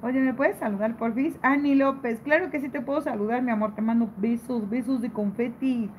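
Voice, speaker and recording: A woman's voice: a little high, fairly even intonation, brisk, a little mellow, slight background noise, rough recording. A woman hosting a casual live stream, reading viewer comments aloud and answering them in a playful, affectionate way. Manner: playful, teasing, laughs often.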